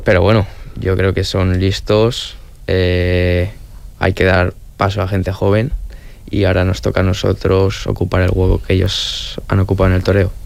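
A young man, a novice bullfighter, answering an interview in a measured, steady way. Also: low-pitched, creaky, no room sound.

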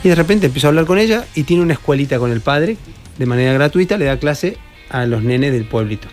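A man's voice: a little high, lively intonation, fast, darkish tone, faint music behind. A man with a Rioplatense Argentine accent, a professional padel player chatting as a guest in a radio studio and telling long anecdotes with many restarts. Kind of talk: casual radio interview.

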